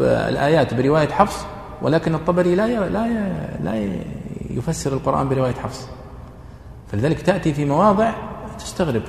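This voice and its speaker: A man gives a brisk, rapid classroom lecture. He explains patiently, and his sentences are broken by drawn-out fillers. His voice rings around a large reverberant hall with a faint hum of room noise. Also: fairly high pitch, vocal fry, a little mellow. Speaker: teacher of Quranic readings.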